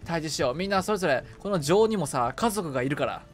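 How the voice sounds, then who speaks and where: Over video game music, a man with a fairly high-pitched voice talks fast and animatedly. He's streaming a co-op game, chatting in a casual, playful way.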